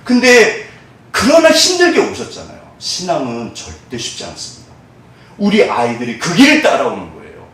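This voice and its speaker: Male pastor preaching, higher voice, wildly swinging pitch, booming echoey hall, mic set back. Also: moderate pace, distant mic. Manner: animated, acts out quoted voices of church members; drops to soft, hushed tones in prayerful moments. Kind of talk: sermon. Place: church sanctuary.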